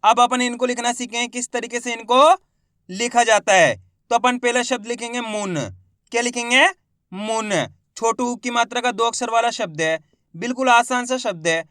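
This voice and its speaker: A man teaching Hindi reading, sounding out words syllable by syllable and quizzing his students in a slow, repetitive classroom manner. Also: extremely high pitch, bright, forceful tone, dry recording, clean studio sound.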